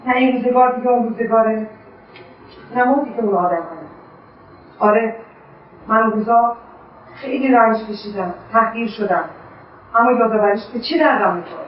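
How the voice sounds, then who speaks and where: A woman's voice: a little high, long pauses, a little hiss or hum, close to an everyday voice. An actress playing an embittered middle-aged mother who lashes out with scorn, in a radio drama. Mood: weary, bitter. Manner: bitter, scornful outbursts. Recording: echoey, distant, dull lo-fi sound.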